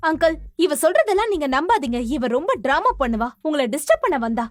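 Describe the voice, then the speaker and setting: A scornful rich young villainess, bossy and sneering. Her voice sits very high and swings up and down. She keeps ordering people about. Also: big pitch swings, fast talker, no echo. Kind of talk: dubbed drama.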